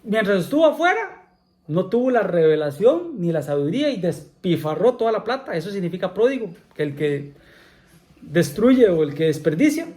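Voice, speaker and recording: A man's voice: high voice, big pitch swings, normal speed, darkish tone. A man preaching a sermon in a church, often repeating himself, asking the congregation questions and saying amén between points. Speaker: pastor.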